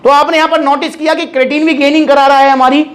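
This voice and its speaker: A man's voice: very high-pitched, level tone, fast talker, a bit bright. A man with a Haryanvi Hindi accent, talking casually as a supplement shop host and calling his viewers brother. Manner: chatty, addresses viewers as brother. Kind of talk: casual explainer.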